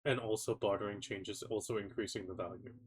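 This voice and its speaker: A man's voice: fairly low pitch, steady tone, fairly quick, slightly rough. Man, nasal cold voice, stuffy, casual patch notes rundown, trips over words. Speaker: gaming content creator.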